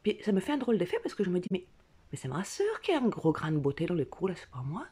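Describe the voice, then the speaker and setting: A woman's voice: on the low side, wildly swooping pitch, fast talker, mellow, husky. A woman telling a stand-up style story from her bed at home, in a put-on southern French accent, playful and exaggerated. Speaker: comedian. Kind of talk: stand-up monologue.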